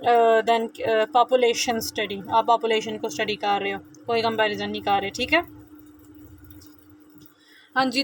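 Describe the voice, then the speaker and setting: A young woman with a Pakistani accent, teaching research methods casually and reading English lines slowly from her notes. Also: a little high, a little hiss or hum, poor audio. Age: young adult. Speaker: physiotherapy student teaching. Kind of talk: informal lecture walkthrough.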